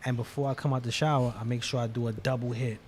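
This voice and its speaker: A man co-hosting a casual podcast, telling stories in relaxed slang with lots of fillers. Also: mid-range voice, quick pace, crowd noise. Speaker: podcast co-host.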